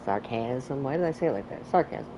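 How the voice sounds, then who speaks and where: A woman's voice: low-pitched, racing, noisy background. A woman streaming a game, commenting casually in a rambling, chatty way. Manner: chatty, rambling, lots of "like", animated asides.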